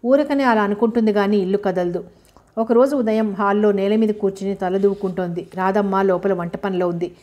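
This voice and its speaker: A woman narrating a novel aloud as an audiobook, in a steady, measured reading. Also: medium pitch.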